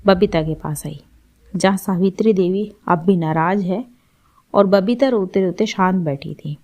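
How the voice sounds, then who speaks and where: A woman narrating a scripted family story in a steady, even way. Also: lowish voice, highs cut off.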